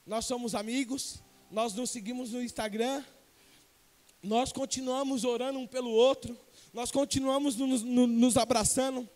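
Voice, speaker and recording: A man from Brazil preaching a sermon as an evangelist, swinging from loud to hushed and questioning the congregation. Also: extremely high pitch, steady tone, moderate pace. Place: church sanctuary. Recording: long church reverb.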